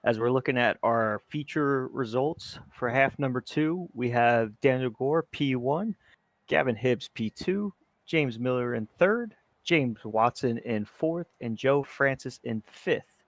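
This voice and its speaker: A man commentating a sim racing broadcast, rattling off finishing results quickly. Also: mid-range voice, no room sound. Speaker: race commentator.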